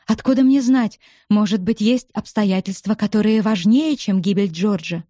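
A woman reading the part of an angry young man who presses and accuses, in a dark, mellow voice. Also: mid-range voice, moderate pace, no room sound, studio quality, natural voice. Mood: angry pressing.

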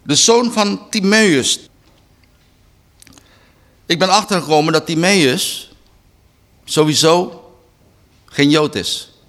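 Guy preaching a bible study, bright sharp voice, takes it real slow. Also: a little high. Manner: slow, deliberate reading with emphatic restarts. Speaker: Bible teacher.

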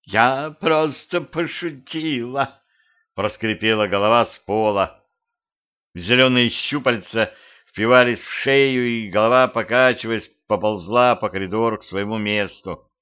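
A man reading a humorous mystical audiobook, lively with his characters. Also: on the low side, normal speed, smooth. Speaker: audiobook reader. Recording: slightly muffled home recording.

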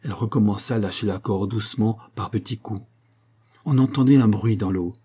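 A man narrating a novel chapter in measured, scripted storytelling. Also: lowish voice, dark tone, breathy edge. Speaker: audiobook narrator.

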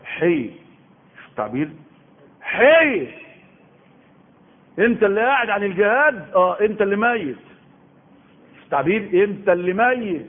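An Islamic preacher with an Egyptian Arabic accent gives an emphatic Quran commentary lesson, repeating phrases and firing off rhetorical questions. His voice sits high and sing-song at a normal pace with long pauses, and the audio is tinny, like a phone.

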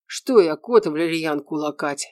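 A woman's voice: low voice, expressive, unhurried, no echo. A woman voicing a mocking male police investigator in an audiobook, with a dry, teasing delivery.

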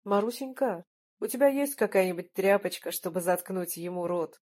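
A woman's voice: mid-range voice, moderate pace, a little mellow, close to an everyday voice. A woman reading an audiobook, voicing a timid middle-aged male journalist who speaks hesitantly. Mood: meek.

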